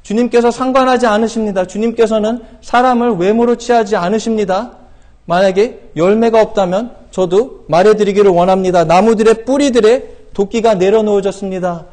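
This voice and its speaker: A middle-aged missionary preaches a sermon in a church sanctuary, his voice notably high for a man and his tone steady. He urges his listeners on earnestly, using rhetorical questions and lots of hesitant fillers, and shouts scripture quotations slowly and loudly.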